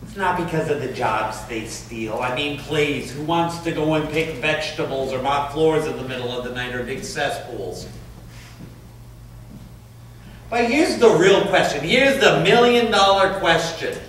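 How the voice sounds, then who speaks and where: A crude, prying stranger on a park bench rambles bluntly and vulgarly in a stage play, played by a man. His voice sits a little high. He sounds distant from the mic in a very echoey space, with faint hiss behind him. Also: normal speed, few pauses, a bit bright, natural voice. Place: stage performance.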